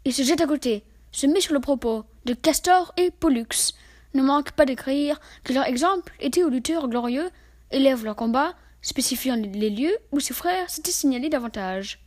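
High-voiced woman reciting verse fables. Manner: measured, expressive recitation. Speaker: reader.

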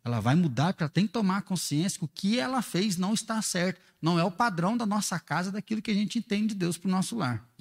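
A man's voice: high voice, lively intonation, fast talker, few pauses, big-room sound. A father speaking in a conversational teaching talk, earnest and explanatory, often asking rhetorical questions. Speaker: father and church speaker on parenting.

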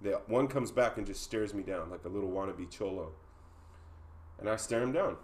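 Man, low voice, casual host, wry laid-back storyteller. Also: normal speed.

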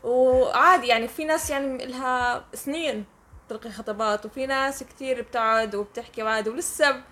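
A woman's voice: fairly high pitch, a little fast, bright, forceful tone. A woman with a Levantine accent explaining things casually and emphatically to listeners as a podcast co-host.

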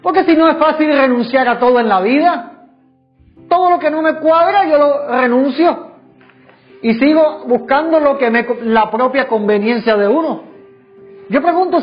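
High-voiced fervent male preacher. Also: moderate pace. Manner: fervent, with rhetorical questions. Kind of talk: sermon. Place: church service before a congregation. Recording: dull lo-fi sound, faint music behind.

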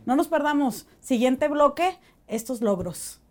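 A woman's voice: high voice, animated, measured pace. A woman with a Mexican accent hosting a talk show, affirming guests and moving the segment along. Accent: Mexican Spanish. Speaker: host. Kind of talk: casual chat.

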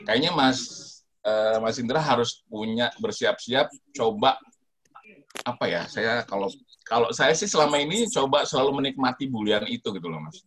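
Man, self-deprecating advice-giver, very lively intonation, noisy recording. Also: medium pitch, normal speed. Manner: joking, self-mocking, animated storytelling. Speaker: show guest giving advice. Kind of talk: casual advice chat.

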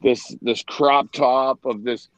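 A man from Massachusetts with a New England accent, telling loud stories as a podcast guest, swearing and laughing often. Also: mid-range voice, fairly even intonation, slow pace, slight background noise, poor audio. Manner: profane, laughing storyteller. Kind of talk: casual chat.

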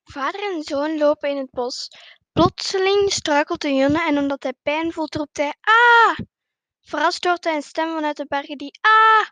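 A woman reading a short moral story aloud in a measured, expressive storytelling manner. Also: high-pitched, no echo. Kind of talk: scripted story narration.

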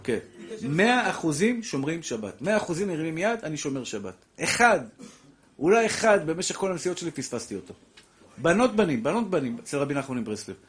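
A middle-aged man, a rabbi giving a lively Torah class who preaches through rhetorical questions and calls his listeners fondly. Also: a little high. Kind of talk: animated Torah lecture.

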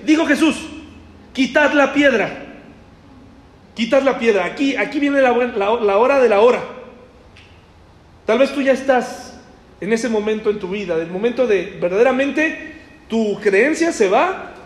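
A man's voice: very high voice, lively intonation, normal speed. A man preaching a sermon, impassioned, acting out the dialogue of scripture. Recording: echoey hall.

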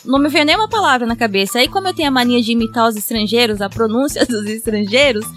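Woman chatting and laughing, high voice. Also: fast talker, faint music behind. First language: Japanese. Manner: laughs often while telling stories. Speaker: guest. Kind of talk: casual chat.

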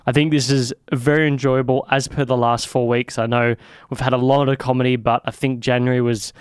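A man's voice: medium pitch, level tone, fairly quick, clean tone, no echo, studio quality. A man hosting a podcast in a chatty, friendly way. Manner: chatty, friendly, restarts often. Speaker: podcast host. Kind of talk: casual podcast chat.

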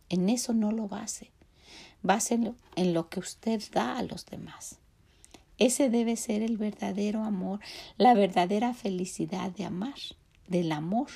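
A woman's voice: mid-range voice, vocal fry, dark tone, slightly rough. A middle-aged woman giving a devotional talk to women as a podcast host, speaking to the listener directly with questions and formal address.

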